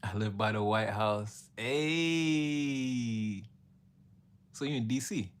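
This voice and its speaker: A man's voice: medium pitch, slow pace, clean tone. A man from Montreal, Canada, hosting a casual livestream, rambling in a slangy way and laughing often as he answers his chat.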